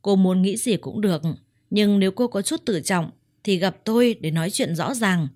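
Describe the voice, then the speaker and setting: A woman's voice: mid-range voice, normal speed, darkish tone, no echo, studio quality, close to an everyday voice. A woman voicing a stern, protective older mother-in-law who speaks firmly and bluntly. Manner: firm, blunt scolding.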